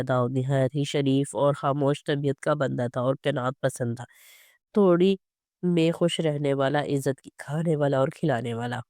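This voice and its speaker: Smooth, dry storybook narrator. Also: medium pitch, a little mellow, no room sound. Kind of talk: scripted narration of a novel.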